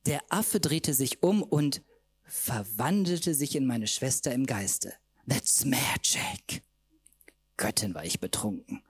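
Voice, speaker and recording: Mann, Autorenlesung, theatralisch, hauchig-rauer Klang, trockener Raum. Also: male voice, mid-range voice, sing-song, a little slow, breathy edge, no room sound. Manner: camp, mocking, theatrical. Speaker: author reading own novel. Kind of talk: live reading of a comic novel. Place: literature festival reading.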